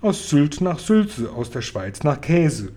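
A man's voice: a little high, big pitch swings, slow pace, warm tone, heavily acted. Smart little girl, man reading her lines, dry level questions, storybook read-aloud. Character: small, clever, patient young girl. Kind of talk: reading a children's book aloud.

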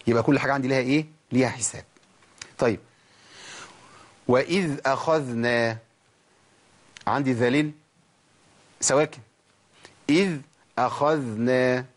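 A man with an Egyptian Arabic accent teaching a tajweed lesson, who asks questions, answers them himself, and drags out letter sounds slowly to demonstrate them. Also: mid-range voice, steady tone. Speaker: Quran recitation teacher.

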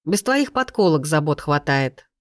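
A woman's voice: deep voice, sing-song, a little slow, no room sound, clean studio sound. A woman voicing a confident young man who speaks firmly to his partner and rivals. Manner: firm, clipped.

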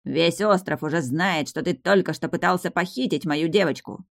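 An audiobook reader voicing a blustering, menacing middle-aged town mayor who shouts slow, drawn-out threats. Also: medium pitch, creaky, natural voice. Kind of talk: audiobook character voice.

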